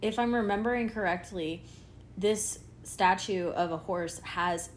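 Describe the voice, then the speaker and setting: A woman's voice: mid-range voice, unhurried, slight background noise. A woman in her twenties co-hosting a casual podcast and tossing in joking asides. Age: 20s. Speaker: podcast co-host. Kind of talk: casual chat.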